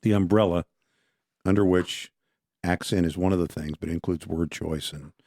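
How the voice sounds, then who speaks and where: Male co-host, low register, dry close mic, loose rambling delivery. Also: steady tone, moderate pace, warm tone, dry recording. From Texas. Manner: rambling, restarts often. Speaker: podcast co-host. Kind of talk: casual conversation.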